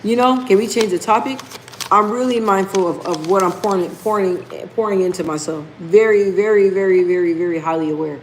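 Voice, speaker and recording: On a rough recording with slight background noise, a woman runs a casual live stream, speaking a little fast at medium pitch. She's emphatic as a host, repeating key phrases and reading viewers' comments aloud.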